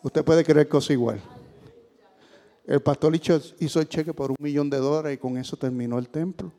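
Passionate male pastor, high voice, big hall reverb, sermon with sudden loud exclamations. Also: fairly even intonation, moderate pace. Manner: emphatic, swings from low asides to loud exclamations.

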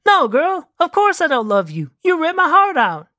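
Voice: very high-pitched, wildly swooping pitch, moderate pace, pushed and bright, no echo, pitched above the performer's own voice, full character voice. A reader voicing a crude, laid-back young man who talks in slang, calling everyone man and girl, in a dry close recording. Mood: indignant. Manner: drawling street slang, calls people man and girl. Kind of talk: storybook reading.

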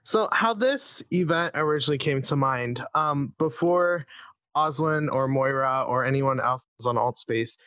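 Brief: young man in his twenties, dry close sound, quick earnest storyteller, mid-pitched. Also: fairly bright tone, clean tone, no echo. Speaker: guest, event creator. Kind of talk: casual storytelling.

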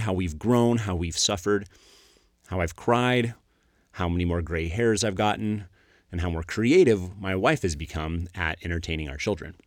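A middle-aged man with a low-pitched voice narrates a scripted, reflective podcast. His delivery is earnest and measured, touched with dry humor. The sound is dry, with very little room around the voice. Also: no room sound. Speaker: podcast host, former pastor.

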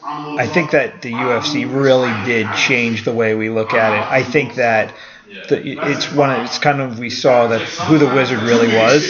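With fairly even intonation and a moderate pace, a medium-pitched man in his forties talks as a guest on a casual podcast. He owns a karate school and comes across as blunt and opinionated, swearing here and there. The recording is muffled, with crowd noise behind him.

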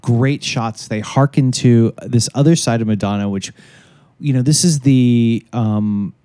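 A man co-hosting a music podcast, conversational and agreeable, quick to chime in. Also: mid-range voice, warm tone, dry recording. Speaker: podcast co-host. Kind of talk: casual chat about music.

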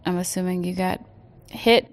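A woman's voice: on the low side, fairly even intonation, normal speed, a crowd in the background. A woman hosting an interview, asking curious, encouraging questions. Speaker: host. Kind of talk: casual interview.

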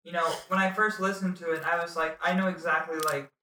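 A man's voice: on the high side, flat delivery, quick pace, sharp tone, recorded from a distance. A young man hosting a casual chat, interviewing a guest in an informal way. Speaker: podcast host, interviewer. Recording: echoey room, away from mic.

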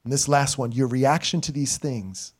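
A middle-aged male pastor preaching a sermon in church, moving from loud, emphatic exhortation to quiet, intimate asides, with informal slang. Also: medium pitch, normal speed. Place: church sanctuary. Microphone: live stream church mic.

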